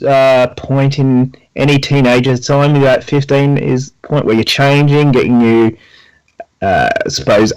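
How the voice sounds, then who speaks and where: A middle-aged Australian man, a personal trainer hosting a podcast interview, speaks earnestly in a medium-pitched, clean voice and often restarts his sentences. The recording is rough.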